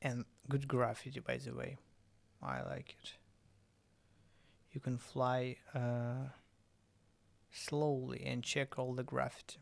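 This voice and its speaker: Male streamer, English speaker, unhurried delivery with a gravelly edge. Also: mid-range voice, flat delivery. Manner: halting, self-correcting non-native English. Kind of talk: casual game stream chat.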